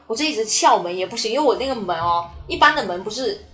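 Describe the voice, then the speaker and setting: A woman in a casual podcast chat, telling a story in an animated, rushed way full of restarts. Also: fairly high pitch. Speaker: podcast guest.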